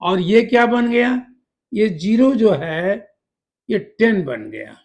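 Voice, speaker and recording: A male math teacher with a noticeably high voice walks through each step of a problem. He talks slowly and patiently, spelling terms out letter by letter as he goes. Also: very animated, creaky. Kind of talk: classroom lesson explanation.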